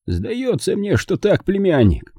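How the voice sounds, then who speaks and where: A man's voice: sits high, wildly swooping pitch, warm tone, dry recording, clean studio sound, pitched above the performer's own voice, exaggerated voice. A man voicing a dying older frontiersman uncle who speaks weakly and grimly, coughing between words. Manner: weak, halting, grim.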